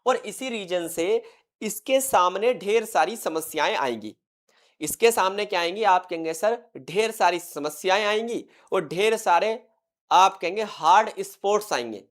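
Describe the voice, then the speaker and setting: A man's voice: high-pitched, lively intonation, measured pace. A male teacher delivers an exam-prep lecture. He keeps firing questions at his class and then answers them himself. He drives each point home by repeating the key terms. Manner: quizzes students constantly, answers his own questions.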